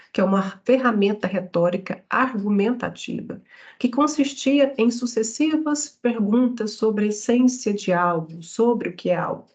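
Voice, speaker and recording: A woman's voice: medium pitch, vocal fry. A woman leads a psychology study-group lesson. Her voice sits in a middle range, and she explains point by point, often ending a phrase with a small questioning tag. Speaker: psychology lecturer. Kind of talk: online study-group lecture.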